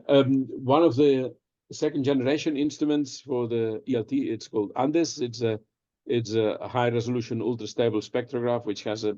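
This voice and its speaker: A man's voice: mid-range voice, warm tone, no echo. Man on a patchy, muffled video call. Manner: hesitant, many ums and restarts. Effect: remote talk over a patchy video call link. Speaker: presenter answering audience questions. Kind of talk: conference talk and Q&A.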